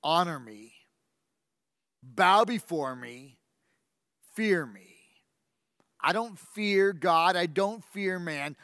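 An actor playing a boastful, ruthless ancient king in a first-person dramatic monologue, pompous and menacing, with slow drawn-out emphasis. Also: high voice, fairly bright tone, smooth, no room sound, clean studio sound, in a large hall.

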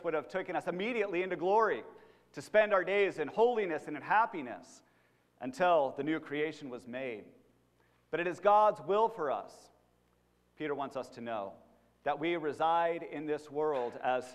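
A male pastor delivers a sermon in a measured way, pushing up on key words and letting phrases fall away. His voice sits a little high for a man. It rings with a long reverb in a church sanctuary. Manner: measured preaching with emphatic rises and dropping phrase ends.

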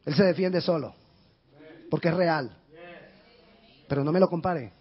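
Impassioned high-voiced male pastor preaching. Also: measured pace. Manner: impassioned, shouting in bursts then dropping low. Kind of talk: sermon. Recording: dull lo-fi sound.

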